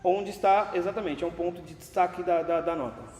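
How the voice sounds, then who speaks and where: A man's voice: high-pitched, lively intonation, a little fast, darkish tone. A man teaching a music class, patiently explaining dynamics while counting beats and singing note names. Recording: echoey classroom with long reverb, faint room noise.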